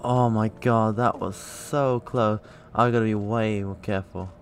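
A man's voice: fairly low pitch, fairly even intonation, measured pace, a little hiss or hum. A man giving casual let's play commentary, chatty and prone to swearing. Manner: chatty, swears and laughs often. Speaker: gamer.

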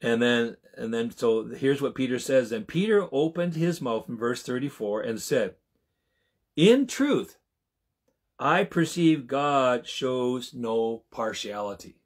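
Indoors in a small home room, a man in his sixties teaches from the Bible as an informal preacher. He has a husky, medium-pitched voice with lively intonation, and he speaks conversationally, haltingly, frequently repeating and rephrasing himself.

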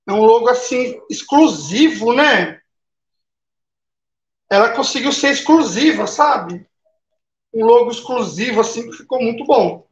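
A man with a Brazilian accent hosting a casual baking live stream, chatting and greeting viewers by name, with lots of tag questions. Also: very high-pitched. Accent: Brazilian Portuguese. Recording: roomy, slightly dull live-stream audio.

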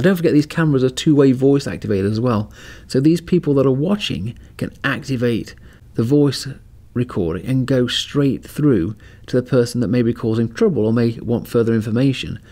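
With a warm, mid-range voice, a man hosts a podcast in an easygoing way, showing off a home security camera and giving tips. The talk moves from the driveway outside his home to the indoors.

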